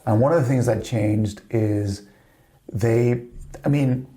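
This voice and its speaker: A middle-aged Spaniard with a slight accent speaks slowly in a warm, mid-range voice. As a guest on a family podcast, he tells family stories in a rambling, casual way, sprinkling in lots of "you know."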